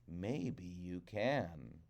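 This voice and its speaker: A man voicing a sly old crow, leader of his flock, in a trickster tale, measured and understated. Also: low voice, very animated, creaky, a little mellow, pitched below the performer's own voice, full character voice. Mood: sly, quiet.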